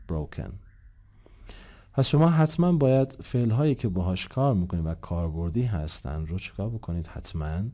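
A low-pitched man giving a grammar lesson. His voice is dark and mellow but swings widely in pitch as he explains. He addresses his listeners politely, posing questions and answering them. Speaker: English teacher.

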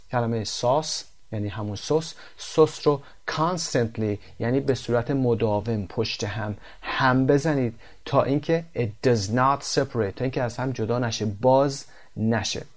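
A Persian-speaking man teaching English words and pronunciation, slowing right down to read the English examples aloud. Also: medium pitch. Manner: slow, careful when reading English examples. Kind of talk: explaining English vocabulary and pronunciation.

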